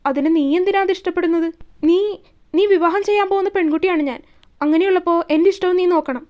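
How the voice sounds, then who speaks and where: A woman's voice: very high voice, quick pace. A woman voicing a jealous, demanding young woman. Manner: sharp, resentful.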